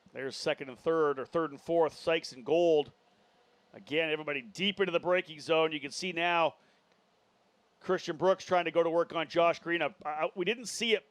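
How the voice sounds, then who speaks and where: A man's voice: a little high, moderate pace, smooth, no echo. A man working as a motorsport commentator, giving live play-by-play and running through drivers and positions.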